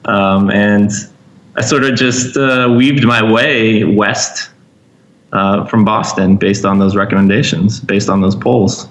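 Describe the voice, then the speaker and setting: Low-voiced man, muffled recording. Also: fairly even intonation, slow. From Vermont. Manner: hesitant, thoughtful, many fillers. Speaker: guest. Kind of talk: casual interview chat.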